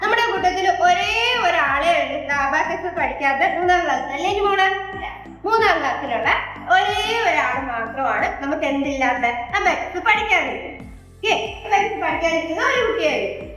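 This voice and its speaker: A woman's voice: high voice, lively intonation, fairly quick, fairly bright tone. Lady teacher, singsongy questions to kids, super echoey classroom, faint music behind. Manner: sing-song, coaxing questions to children. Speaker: abacus teacher. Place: classroom with children.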